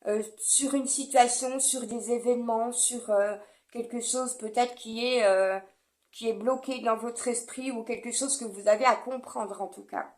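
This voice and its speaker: A woman giving a chatty, rambling card reading, with frequent fillers and small laughs. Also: a little high. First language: French. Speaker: card reader. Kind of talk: casual spoken card reading.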